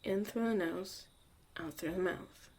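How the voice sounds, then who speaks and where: A woman plays a gruff, guarded young mage mentor who secretly cares, in a zombie apocalypse ASMR roleplay. She speaks softly, often close to a whisper, with a lowish voice and a slightly slow pace. The mood is calm and soothing.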